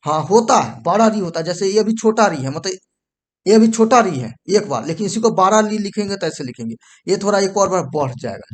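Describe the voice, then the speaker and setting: High-voiced man teaching at a whiteboard. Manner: repetitive, checks in with "ठीक है"; pauses to correct and erase the board. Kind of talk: whiteboard grammar lesson.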